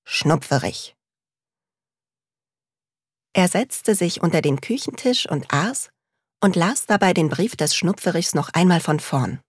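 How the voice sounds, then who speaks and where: A woman narrating a storybook in a slow, calm, measured reading. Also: fairly low pitch, slightly rough, dry recording, studio quality.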